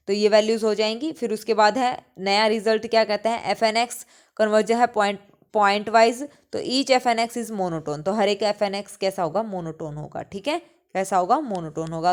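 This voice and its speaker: A woman's voice: mid-range voice, normal speed. A woman teaching a maths exam-prep lecture, mixing English terms into her speech, asking questions and answering them herself, repeating key points. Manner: mixes English math terms into Hindi speech. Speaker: mathematics teacher.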